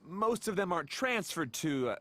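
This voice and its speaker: A man's voice: high voice, very animated, moderate pace, heavy background noise. A man voicing a practical young guide in a video game, casual and helpful, explaining things like a know-it-all. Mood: explanatory. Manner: explanatory, with hesitant technical asides. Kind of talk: video game character acting.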